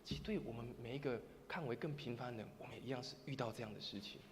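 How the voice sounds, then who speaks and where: A man preaching a sermon as pastor, storytelling with swings from hushed to loud. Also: mid-range voice, very fast. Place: church sanctuary. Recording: reverberant church hall, faint noise.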